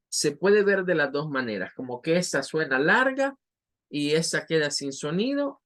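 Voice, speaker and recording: A man's voice: a little high, fairly bright tone. A male English teacher with a Latin American Spanish accent, giving a vocabulary lesson and patiently repeating each word for pronunciation.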